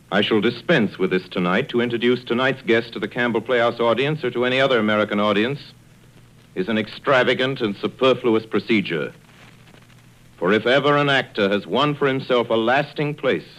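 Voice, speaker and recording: A man hosting and narrating an old radio show with a measured, stately delivery. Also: mid-range voice, a bit bright, low-quality recording. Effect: old radio show sound.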